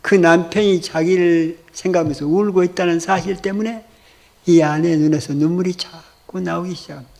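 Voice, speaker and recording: A man's voice: fairly high pitch, gravelly, a little mellow. A male pastor preaching in a church, telling a vivid story and acting out the dialogue. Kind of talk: storytelling sermon.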